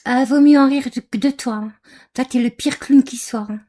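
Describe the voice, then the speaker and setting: Scornful lady ranting over a clip, kinda high but mellow voice, lots of euhs. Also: fairly even intonation, normal speed. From Algeria. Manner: scornful, insulting, hesitant with many fillers. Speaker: commentator reacting to a video. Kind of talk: angry reaction commentary.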